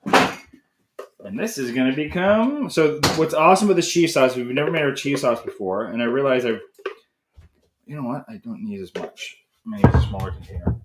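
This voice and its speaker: A man's voice: medium pitch, lively intonation, normal speed. A man hosting a live cooking stream from his home kitchen, talking casually and rambling as he works. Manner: chatty, rambling, self-correcting. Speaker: cooking show host. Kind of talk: casual live cook-along chat. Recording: echoey kitchen with noisy background.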